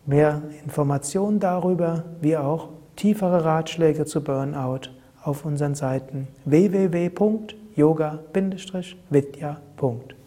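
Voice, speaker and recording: Man, higher pitch, breathy tone, calm repetitive advice. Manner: calm, measured, repeats key phrases. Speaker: host giving self-help tips. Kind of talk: spoken advice talk.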